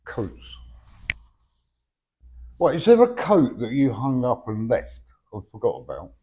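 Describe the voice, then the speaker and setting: A man's voice: medium pitch, huge pitch swings, normal speed, warm tone. A man working as a medium, giving a chatty, blunt reading in conversation, his words slightly slurred from having no teeth. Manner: blunt, chatty, often checking with "yeah?". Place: live event before a sitter. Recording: dull, lo-fi live recording.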